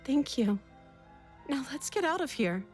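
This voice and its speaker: A woman voicing a young captive princess in a video game, soft-spoken, calm and pleading, in a cartoon princess manner. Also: sits high, a little slow, soft background music. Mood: soft, wary.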